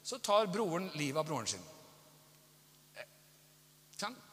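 An animated male preacher with a bright, forceful voice, delivering a sermon and acting out stories with voices and bursts of laughter. His voice sits a little high for a man and rings with a long reverb. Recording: echoey hall.

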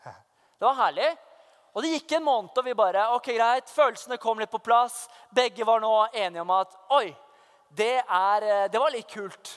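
A young man with a high-pitched voice preaches a personal testimony as a church youth leader. He speaks fervently, dropping to hushed asides and then rising into loud proclamation. The voice carries a long reverb from a large church hall. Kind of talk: sermon testimony.

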